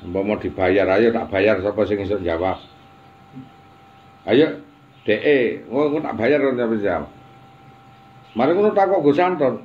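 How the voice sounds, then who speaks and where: A man's voice: lowish voice, lively intonation, measured pace, long pauses, highs cut off. A man giving an informal religious talk, chatty, with teasing asides. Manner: chatty, mixing Javanese and Indonesian, teasing asides. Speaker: religious teacher.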